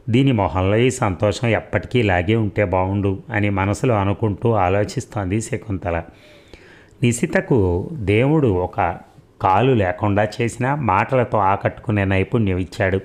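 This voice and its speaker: Measured low male storyteller. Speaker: narrator. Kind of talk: audiobook story reading.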